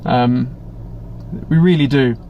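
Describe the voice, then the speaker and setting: In a mid-range voice and at a slow pace, an English man hosts a laid-back live Q&A, rambling through viewer chat with plenty of blunt asides and restarts. The webcam recording is slightly muffled and carries a little hiss or hum.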